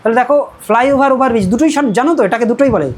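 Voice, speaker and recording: A woman's voice: fairly high pitch, very fast, a little mellow, a little hiss or hum, poor audio. A woman from Medinipur with a Medinipur Bengali accent, teaching a spoken English class. She explains step by step in a classroom and keeps checking in with her students. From Medinipur, West Bengal. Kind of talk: classroom lesson.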